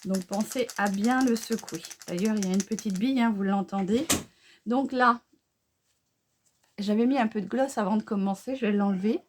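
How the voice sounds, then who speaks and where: A middle-aged woman, chatting homely and unhurried through a makeup tutorial, with fillers and self-corrections. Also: medium pitch, slight background noise. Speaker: beauty vlogger. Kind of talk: casual makeup tutorial chat.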